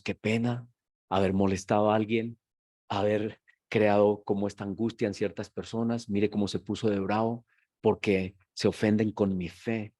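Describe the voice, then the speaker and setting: A man preaching a sermon as pastor. His delivery moves between quiet, reflective talk and loud, emphatic shouting. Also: lowish voice, dry recording, clean studio sound. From Colombia.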